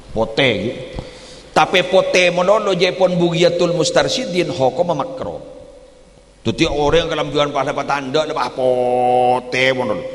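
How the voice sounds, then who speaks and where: A man with a Madurese accent giving a humorous Islamic sermon, swinging between low asides and loud animated exclamations. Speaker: preacher. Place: large mosque hall. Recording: echoey mosque hall with long reverb.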